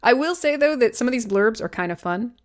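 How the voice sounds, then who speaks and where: A woman's voice: fairly high pitch, lively intonation, brisk. A woman co-hosting a podcast in casual chat, wry and sarcastic as she reads out critics' blurbs. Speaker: podcast co-host.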